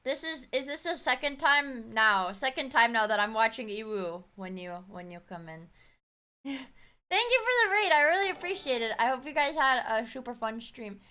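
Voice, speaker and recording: A woman livestreaming casual chat and slangy, expressive commentary with mocking asides. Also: a little high, moderate pace, few pauses, clear, resonant tone. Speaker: streamer reacting to true-crime videos.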